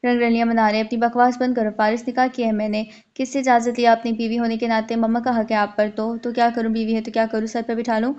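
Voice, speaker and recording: A woman's voice: a little high, little pitch movement, quick pace, few pauses, darkish tone, smooth, muffled recording, natural voice. Woman reading an enraged young man. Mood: furious. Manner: heated, accusing outbursts. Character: angry young man defying his father.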